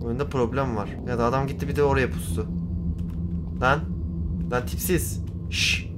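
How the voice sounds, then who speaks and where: A man commentating a horror game for his channel, exasperated, swinging between low mutters and loud outbursts. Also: steady tone, normal speed, heavy background noise. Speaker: gaming YouTuber.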